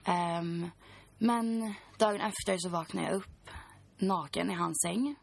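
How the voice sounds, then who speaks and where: A woman's voice: lowish voice, creaky. A woman in her twenties, a podcast guest, recounting a personal story in a chatty way full of fillers.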